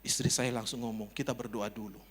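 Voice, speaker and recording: A man preaching as a pastor, telling a personal story in a chatty way and building to loud calls to the congregation. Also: mid-range voice, fairly even intonation, quick pace, breathy edge. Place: church service. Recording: long church hall reverb.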